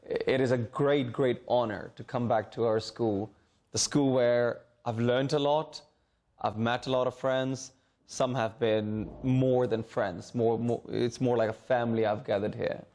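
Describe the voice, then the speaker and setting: A man's voice: mid-range voice, fairly even intonation, unhurried, a little mellow. A middle-aged man from Hong Kong, a former student, speaking informally to students while seated in a school library and often repeating words as he searches for the phrasing. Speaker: alumnus guest speaker.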